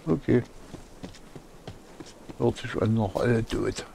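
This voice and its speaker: A man's voice: lowish voice, takes it slowly, gravelly, mellow, slight background noise. A man doing casual live commentary as a game streamer, thinking aloud and muttering to himself.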